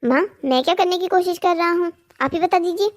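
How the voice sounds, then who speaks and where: A voice actor playing an indignant, argumentative young man in a cartoon story, protective of his sister and quick to anger. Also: very high voice. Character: hot-headed protective young brother.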